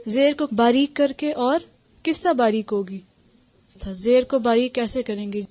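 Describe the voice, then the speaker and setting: A woman teaching Quran recitation and tajweed, patiently explaining each point and demonstrating letter sounds slowly, often checking that listeners follow. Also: on the high side, mellow, no room sound. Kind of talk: tajweed lesson with translation. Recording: dull dry lo-fi recording.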